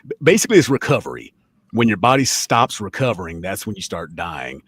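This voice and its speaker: Man, forties, podcast host, casual, cussing, low pitch, animated. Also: a little fast, breathy edge, no echo, studio quality. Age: 40s. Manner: loose and joking, swears casually; friendly banter with co-host and chat. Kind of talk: casual chat, reading viewer comments.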